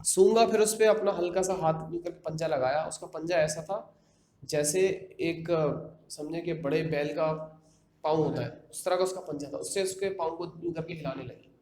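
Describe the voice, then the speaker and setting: A man's voice: on the high side, darkish tone. A man casually retelling a horror story in his own words, conversational, with fillers and repeated phrases. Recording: echoey room with faint background noise.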